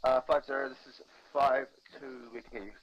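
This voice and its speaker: A man's voice: medium pitch, flat delivery, fairly quick. A man on a squad radio net in a game, speaking in clipped, formal military radio procedure and calling out call signs, heard over the radio. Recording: muffled radio transmission.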